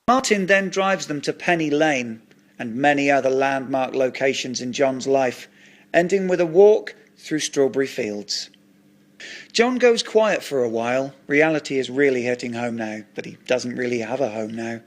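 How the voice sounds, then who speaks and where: A man's voice: mid-range voice, moderate pace. A man narrating a comic story in a dry, matter-of-fact way.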